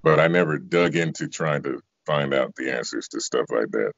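This fifties-aged man, who sings and does voice acting, has an extremely low yet fairly bright voice and talks at normal speed without echo. He answers interview questions thoughtfully and conversationally from an indoor room on a video call whose audio sounds dull and lo-fi.

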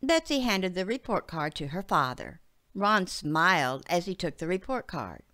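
Slow, expressive woman narrator. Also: lowish voice. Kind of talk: audiobook narration.

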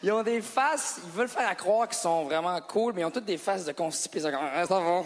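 A man's voice: high voice, normal speed. A man doing stand-up, bantering playfully with couples in the audience. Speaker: stand-up comedian. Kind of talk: stand-up crowd work. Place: large theatre stage with live audience. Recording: live hall with audience, long reverb.

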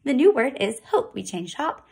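A woman teaching a phonics lesson to kindergarten children, with slow, sing-song teacher talk and drawn-out sounds. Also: high voice, big pitch swings, vocal fry, a little mellow, slightly rough.

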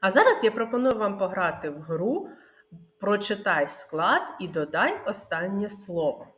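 A woman's voice: medium pitch, very animated, moderate pace, fairly bright tone. A woman kindergarten teacher giving a literacy lesson, asking the children questions, praising them and singing out syllables.

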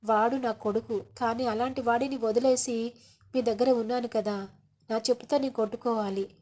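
A woman's voice: on the high side, fairly even intonation, moderate pace, mellow, natural voice. A woman voicing a wounded, proud middle-aged father who speaks reproachfully and raises his voice in defiance.

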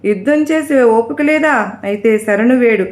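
A woman's voice: on the high side, unhurried, darkish tone, natural voice. A woman voicing two boastful male demons who taunt and jeer, recorded in an echoey room. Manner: taunting, jeering.

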